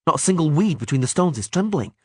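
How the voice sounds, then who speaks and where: A man's voice: fairly high pitch, lively intonation, fast talker, warm tone, dry recording, clean studio sound, voice pushed up. A man voicing a young woman archer in a fan audiobook, hissing her words in a tense way. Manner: hissed and tense.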